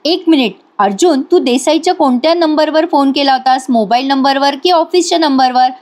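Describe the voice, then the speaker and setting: A woman's voice: high voice, fairly quick, darkish tone, lightly acted. A woman voicing a worried young man talking things over with a friend, in a serial recap. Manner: anxious, conversational.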